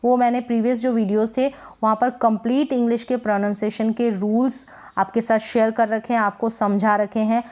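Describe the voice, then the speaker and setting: A woman teaching English pronunciation, slowly repeating words and quizzing the listener. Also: on the high side, little pitch movement, darkish tone. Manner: slow drilled word repetition with quiz questions. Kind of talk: spoken-word pronunciation lesson.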